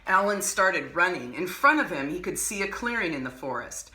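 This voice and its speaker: Bright-toned woman reading a storybook aloud. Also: lowish voice, moderate pace, echoey room. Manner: expressive, animated storytelling with casual asides. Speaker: art teacher and host. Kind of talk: reading a picture book aloud.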